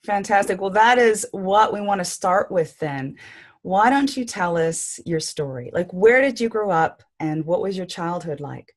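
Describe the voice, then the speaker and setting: A woman hosts an interview show, reading her introduction in a measured, composed way before asking her guest questions. Her voice sits slightly low. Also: lively intonation. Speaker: podcast host.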